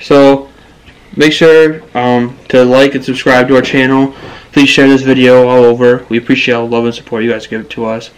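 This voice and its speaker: A man's voice: mid-range voice, little pitch movement, normal speed, clear, resonant tone. A man co-hosting a casual vlog at home, joking and laughing along. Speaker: vlog co-host. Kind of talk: casual chat. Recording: echoey, distant room sound.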